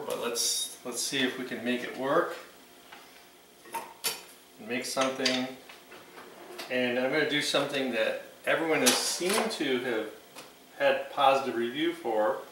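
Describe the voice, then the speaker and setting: A man's voice: medium pitch, fairly bright tone. Echoey, distant older man cooking at home. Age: 60s. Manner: informal, unscripted, talking while cooking. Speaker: home cooking channel host. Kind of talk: casual cooking demonstration. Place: home kitchen indoors. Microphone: camera a few meters away. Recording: roomy echo, distant mic, faint kitchen noise.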